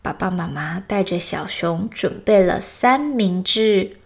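Slow gentle woman storyteller for children. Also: on the low side, animated. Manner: slow, gentle, clear reading. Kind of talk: children's bedtime story narration.

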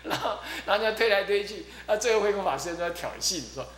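Abbot telling lively stories. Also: male voice, high voice, fast. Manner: lively storytelling, frequent repeated fillers. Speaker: abbot giving a dharma talk. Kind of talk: Buddhist dharma talk with personal anecdotes. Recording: roomy echo with faint hum.

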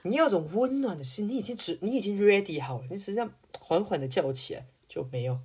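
A woman's voice: mid-range voice, very animated, very fast, a little mellow, husky. A woman, chatting casually as a podcast co-host, swearing freely, laughing often and mimicking others. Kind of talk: casual chat.

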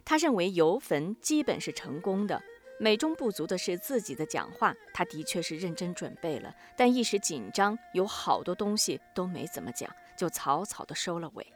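A woman narrating a novel chapter as a scripted audiobook, switching her pitch for each family member in the dialogue. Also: moderate pace, soft background music. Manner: voices the family's dialogue with lively pitch shifts.

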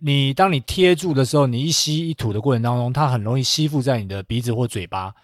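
A man's voice: mid-range voice, quick pace, no room sound, studio quality. A man with a Taiwanese accent chats casually as a podcast co-host, joining remotely. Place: remote recording from a separate location.

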